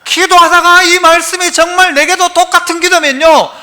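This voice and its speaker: A man's voice: very high voice, level tone, moderate pace, sharp tone. A man preaching a live sermon in a church, folksy and humorous, quizzing the congregation and prompting their responses. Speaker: pastor. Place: church sanctuary, live service.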